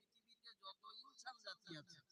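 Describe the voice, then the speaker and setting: A man's voice: moderate pace, sharp tone. A man preaching a live Islamic sermon, in a melodic sing-song style, addressing the crowd directly. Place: live religious gathering. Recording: live event with audible crowd.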